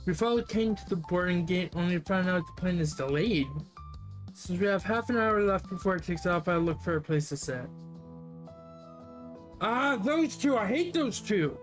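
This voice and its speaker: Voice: mid-range voice, a little fast, faint music behind. A streamer reading a dating game aloud on a live stream, with sarcastic, swearing asides. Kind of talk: live game read-through with commentary.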